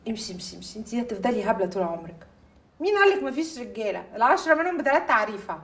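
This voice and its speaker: An actress playing a jealous, quick-tempered young newlywed, speaking with an Egyptian accent, fast and accusing. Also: female voice, on the high side, very animated, fairly bright tone. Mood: teasing. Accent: Egyptian Arabic. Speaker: jealous new bride. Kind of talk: Egyptian film acting. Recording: film audio with music behind.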